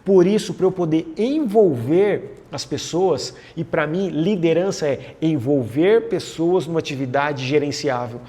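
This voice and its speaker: Man, slightly high voice. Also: unhurried, hardly any pauses, warm tone. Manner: asks rhetorical questions and answers them; repeats phrases for emphasis. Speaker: leadership lecturer, host of the series. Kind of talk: talking-head lesson on management.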